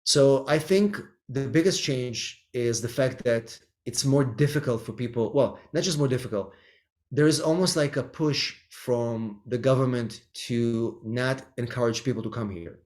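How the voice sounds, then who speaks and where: His voice is medium in pitch with a darkish tone and a measured pace. A middle-aged immigration attorney from Israel, he is a guest thoughtfully answering interview questions, frequently pausing on um and starting over.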